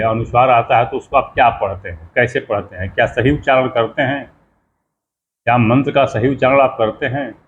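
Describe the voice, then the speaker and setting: A middle-aged man, a pandit, teaching how to pronounce mantras, repeating key sounds slowly and asking rhetorical questions. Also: medium pitch. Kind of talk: spoken lesson to camera. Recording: slightly dull lo-fi sound, faint background noise.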